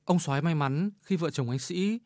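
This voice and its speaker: A man, a radio editor, reading a measured, reflective commentary on a short story. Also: a little high, darkish tone, no echo, clean studio sound. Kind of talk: scripted literary commentary.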